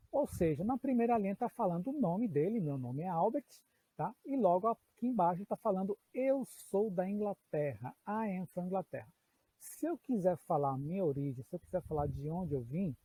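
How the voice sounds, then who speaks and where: A man's voice: high-pitched, mellow, breathy edge, poor audio. A man teaching a recorded English lesson, explaining patiently and checking in with his students. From Brazil.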